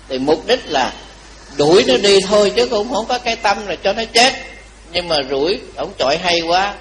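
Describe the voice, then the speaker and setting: A male Buddhist monk gives a dharma talk as an animated storyteller. His voice sits somewhat high, and he keeps turning to the listeners with teasing questions. A faint background hiss runs under the recording. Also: low-quality recording.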